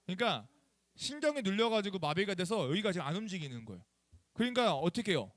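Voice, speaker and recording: A man's voice: sits high, fast talker, no echo. A young man preaching to teenagers as their youth pastor, telling a personal story in a chatty way and asking them questions. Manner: animated, chatty, asks the students questions. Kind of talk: lively youth sermon storytelling.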